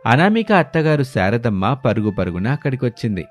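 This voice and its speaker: Over soft background music, a mid-pitched man narrates a scripted moral folk tale, telling the events in order as a storyteller. His delivery is sing-song and a little fast.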